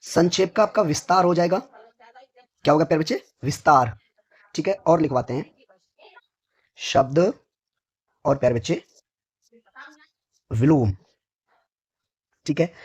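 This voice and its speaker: A hoarse man teaching a vocabulary lesson for exam preparation, who asks each question, answers it himself, and keeps addressing his students fondly. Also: on the high side, measured pace, pauses often. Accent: North Indian Hindi. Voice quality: husky.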